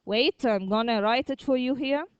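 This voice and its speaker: A woman teaching a primary school vocabulary lesson, repeating words slowly, drilling the class and checking with "okay?" after each point. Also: fairly high pitch, clear, resonant tone, dry recording, muffled recording.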